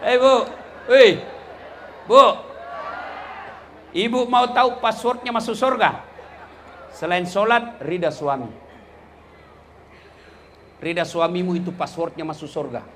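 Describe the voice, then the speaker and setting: A middle-aged man giving a comedic Islamic sermon, teasing his listeners and swinging from low asides to loud shouts. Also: slow pace, pauses often, slight background noise. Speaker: Islamic preacher.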